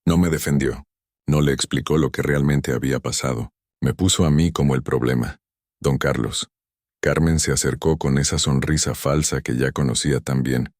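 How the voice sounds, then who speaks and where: A man narrating a first-person story in a calm, measured, solemn way. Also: rumbling low, no room sound, studio quality.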